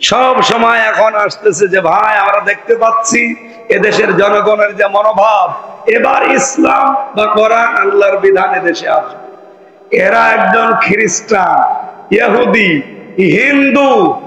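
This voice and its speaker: A man from Bangladesh preaching an outdoor Islamic sermon, shouting as he explains Quranic verses over a loudspeaker microphone. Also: high-pitched, takes it slowly. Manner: fiery, shouting Quranic exposition. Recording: echoey, reverberant PA sound.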